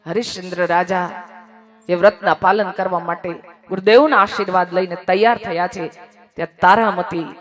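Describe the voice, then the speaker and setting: A woman narrating a devotional religious story in a sermon style, emphatic and pausing for moral asides to her listeners. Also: fairly low pitch, soft background music.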